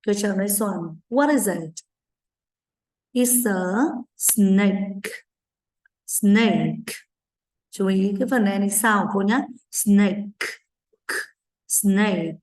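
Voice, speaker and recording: A woman teaching an English vocabulary lesson to children with a Vietnamese accent, modeling each word slowly and clearly for repetition. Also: medium pitch, darkish tone. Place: online recorded lesson.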